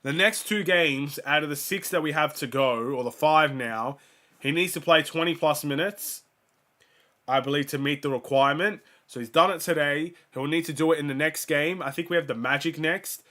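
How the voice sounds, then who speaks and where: His voice sits on the high side and moves at a moderate pace as this young fan host runs a watchalong, giving casual play-by-play and firing off stats. He's sick and his voice is going, yet he still gets louder on big plays.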